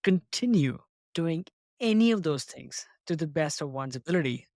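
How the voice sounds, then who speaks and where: A man hosting an interview podcast, speaking in a measured, deliberate way with careful phrasing. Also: on the high side, animated, darkish tone, no room sound, studio quality. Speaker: podcast host.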